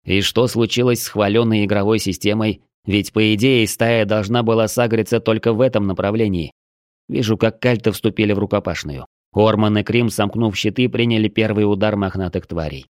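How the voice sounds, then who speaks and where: A man reading a first-person adventure audiobook in a measured, steady storytelling manner. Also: on the low side, no room sound, studio quality. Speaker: audiobook narrator.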